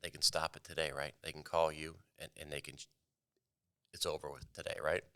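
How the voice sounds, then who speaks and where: A middle-aged man co-hosts a podcast with a very deep, smooth, resonant voice. He jokes and rambles, circling back on himself. The studio mic is close. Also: flat delivery, a little fast, a bit bright, no room sound. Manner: jokey, rambling, restarts often. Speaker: podcast co-host. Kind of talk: casual podcast banter. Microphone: studio mic on a boom, with headphones.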